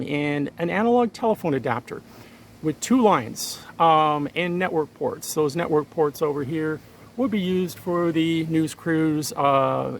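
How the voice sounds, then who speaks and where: Here the same sort of slightly high male voice has a creaky edge, and a faint hiss or hum runs underneath. He's the hobbyist host of a radio and satellite tech vlog, casually demonstrating hands-on work and explaining each technical step simply to his audience.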